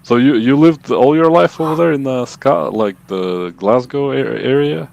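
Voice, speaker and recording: Hosting a podcast, a man chats informally in an interview style, asking questions and using lots of fillers. His mid-range voice is slightly mellow with vocal fry, at a moderate pace.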